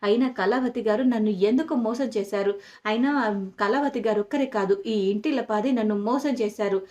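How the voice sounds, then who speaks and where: Woman reading a hurt, earnest young husband, fairly high voice, storytelling recap. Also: a little fast, warm tone, lo-fi sound, lightly acted.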